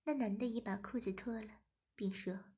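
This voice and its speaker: A woman narrating an erotic audio story in a soft, half-whispered manner. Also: mid-range voice, fairly even intonation, moderate pace, husky.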